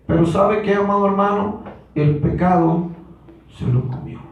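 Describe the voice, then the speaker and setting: A man preaching a Pentecostal sermon, repeating "brothers" constantly and building to shouts. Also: high voice, unhurried, muffled recording. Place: church hall. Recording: very echoey church from a distance.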